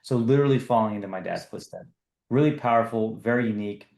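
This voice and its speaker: Earnest thirties male founder, slightly low voice, echoey room. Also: fast talker, vocal fry, a little mellow. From US East Coast. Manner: earnest, repeats words when restarting. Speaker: business founder guest. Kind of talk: conversational podcast interview.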